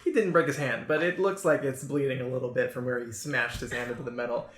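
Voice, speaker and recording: A man's voice: medium pitch, steady tone, quick pace, fairly bright tone, reverberant. A man narrating casually as game master, with many fillers and frequent laughs.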